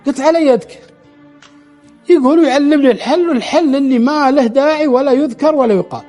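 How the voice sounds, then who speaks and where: A man's voice: very high-pitched, fast talker, dark tone, faint music behind. A man telling a true story aloud, relaying the dialogue in quotes and often restarting his words. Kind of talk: spoken storytelling.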